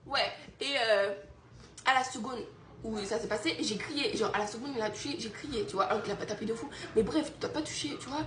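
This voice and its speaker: A woman's voice: on the high side, brisk, fairly bright tone, a little hiss or hum. A young woman from Guadeloupe, a mother animatedly telling a friend a story over a phone video call, laughing often and checking "you see?". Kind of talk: casual storytelling chat. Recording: roomy echo in a home room.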